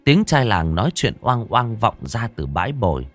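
A man's voice: on the low side, very animated, moderate pace, a bit bright, faint music behind. A man narrating a horror story in a dramatic, suspenseful scripted telling.

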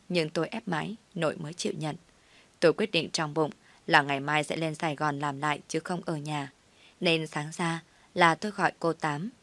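A woman narrating a personal story in the first person, in a steady, plain recounting manner. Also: low-pitched.

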